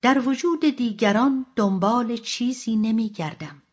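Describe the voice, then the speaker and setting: Quiet, steady wife in a storybook, middle-aged, husky softness, read by a woman, muffled audio. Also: a little high, close to an everyday voice. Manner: calm, quiet, soft-spoken. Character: calm, resolute middle-aged wife in love. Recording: dull lo-fi audiobook recording.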